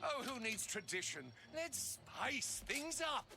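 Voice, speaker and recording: An actor playing a theatrical video game villain, a tyrant who speaks with slow, gloating menace and impatience. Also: male voice, extremely high pitch, sing-song, full character voice. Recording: loud game music underneath.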